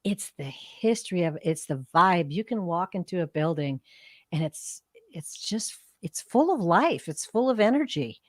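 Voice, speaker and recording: An American woman from Idaho chatting casually as a psychic reader, telling anecdotes in an expressive, folksy way. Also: fairly low pitch, moderate pace, dry recording, studio quality. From Idaho, United States. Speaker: psychic reader on a live show.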